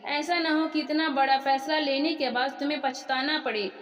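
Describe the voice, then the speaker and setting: A gentle middle-aged mother who talks in a calm, soothing way, voiced by a woman telling the story. Her voice sits high. It echoes in a reverberant room. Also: moderate pace.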